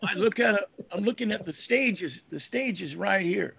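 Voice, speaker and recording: An older man, a musician, telling a long anecdote in casual chat, rambling and animated, acting out the dialogue as he goes. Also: high voice, normal speed, vocal fry, slightly rough. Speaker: musician guest. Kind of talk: casual storytelling.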